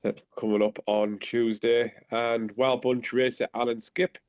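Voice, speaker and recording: A man with a Teesside accent, co-hosting a podcast and reading out announcements in a casual, halting way. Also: mid-range voice, little pitch movement, no room sound. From Teesside, north-east England. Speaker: podcast co-host. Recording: slightly dull lo-fi microphone.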